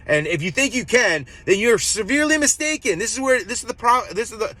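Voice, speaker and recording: A man's voice: high voice, lively intonation, brisk, sharp tone. A man ranting casually to his viewers, rambling and swearing, often restarting his sentences. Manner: rambling, profane, many restarts. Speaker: vlogger. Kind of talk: casual political rant.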